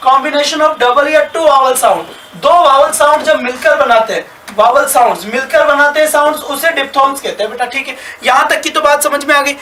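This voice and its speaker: A man with a high, bright, forceful voice teaches a live online class, drilling each point over and over and cheering his students on. He sounds some way from the mic in a roomy, echoing space, with faint noise behind him. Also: fairly quick. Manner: repetitive, drilling questions and answering them himself; encouraging, praising students often. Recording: echoey room, mic at a distance.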